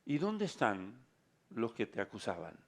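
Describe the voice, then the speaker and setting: A man voicing Jesus as a calm, forgiving man, speaking quietly, slowly and gently. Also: medium pitch, exaggerated voice. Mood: gentle.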